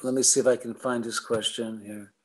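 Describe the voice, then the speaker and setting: An older man moderating a casual Zoom Q&A from home, halting and repeating words as he starts. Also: mid-range voice, level tone, noisy background. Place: home room. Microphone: webcam on a video call.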